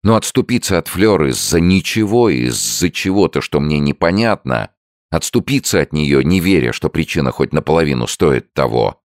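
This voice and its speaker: A man's voice: very deep voice, sing-song, moderate pace, dry recording, clean studio sound, voice pushed up, exaggerated voice. A man voicing an anguished young man pleading with his father in an audiobook. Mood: insistent. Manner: pleading, emotional.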